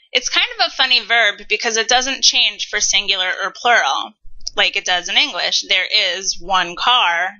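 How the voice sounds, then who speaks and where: A woman in her thirties teaching a recorded Spanish lesson, modeling words slowly and carefully. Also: medium pitch, bright, forceful tone, dull audio. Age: 30s.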